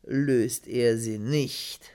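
A storyteller voicing an angry, haughty old king in a fairy tale reading, with a booming, blustering voice. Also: fairly even intonation, very slow, dark tone. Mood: stern.

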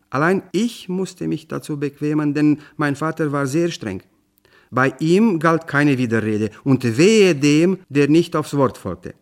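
A man reading a fairy tale aloud as narrator, with a measured, expressive storytelling delivery. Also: medium pitch, vocal fry.

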